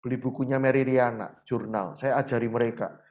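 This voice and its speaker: A storytelling teacher speaks in a conversational interview, telling stories with lively energy and often acting out dialogues. His voice is medium-pitched and a little fast, on a lo-fi recording.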